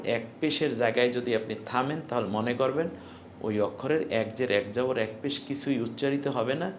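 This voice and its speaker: A man with a Bangladeshi Bengali accent gives an online lesson on Quran recitation. He explains the rules patiently, step by step, at a mid pitch. A faint hiss sits under his voice. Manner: explains step by step, chants recited verses slowly.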